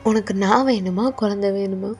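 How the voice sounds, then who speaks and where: A woman's voice: medium pitch, fairly even intonation, normal speed, darkish tone, soft background music, close to an everyday voice. A woman voicing a blunt young man who curtly refuses his lover in a fan audio drama. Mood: cold. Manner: curt, blunt.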